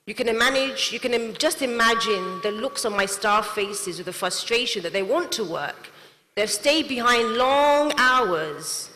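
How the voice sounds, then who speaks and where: A young adult woman who is a CEO and manufacturer, not from Nigeria, gives an earnest prepared talk to an audience in a large hall with long reverb. Her voice is on the high side, expressive and unhurried, with a bright, forceful tone.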